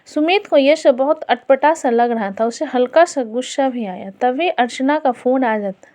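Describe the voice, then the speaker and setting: A woman storyteller reading a family drama in a steady, plain narrating manner. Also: high-pitched, normal speed.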